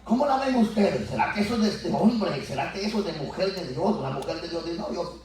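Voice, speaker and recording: A pastor preaching an animated Pentecostal sermon to his congregation, acting out biblical voices and building to shouts. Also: sits high, fairly quick. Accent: Latin American Spanish. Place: church sanctuary. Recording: echoey church heard from far off. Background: congregation answering.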